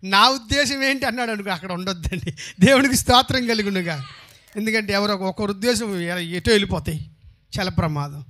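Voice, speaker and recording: Male pastor, very high and bright voice, emphatic sermon delivery, rhetorical questions. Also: a little fast. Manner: emphatic, questions the congregation and answers himself; mixes English phrases into his preaching.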